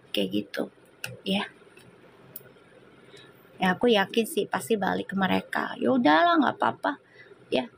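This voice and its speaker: A woman's voice: fairly high pitch, gravelly, a little hiss or hum. A woman from Indonesia, a tarot reader chatting casually with viewers on a live stream, teasing and answering comments, slipping into short prayers. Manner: slips into singing and quick prayers.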